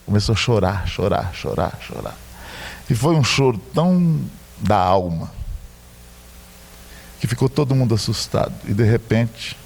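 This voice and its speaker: A man's voice: fairly low pitch, animated, measured pace, vocal fry, pauses often, darkish tone. A middle-aged man with a Brazilian Portuguese accent, preaching a sermon as a pastor and telling a story with joking asides.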